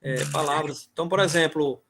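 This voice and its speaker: A man's voice: a little high, fairly quick, a bit bright, a little hiss or hum. A man teaching rhythm on a video call, chanting syllables and words to explain the beats. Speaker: music teacher. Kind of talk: online music lesson.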